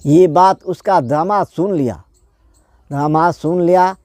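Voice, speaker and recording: A man narrates a moral folk tale in an unpolished, repetitive manner, restarting phrases as he goes. He speaks slowly with a mellow, dark tone. The recording is close and dry. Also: fairly high pitch, no echo. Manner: plain, repetitive retelling with restarts. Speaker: storyteller.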